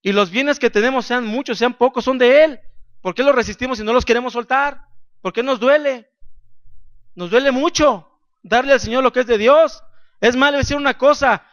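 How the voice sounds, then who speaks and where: A man's voice: very high-pitched, moderate pace, fairly bright tone, no room sound, dull audio. A man preaching a sermon as pastor, emphatic and posing questions to the congregation.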